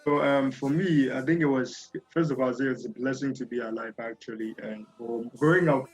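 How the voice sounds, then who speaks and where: A man's voice: medium pitch, brisk, breathy edge, low-quality recording. Young Ghanaian man, chatty guest. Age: young adult. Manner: energetic, chatty with fillers. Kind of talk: casual interview.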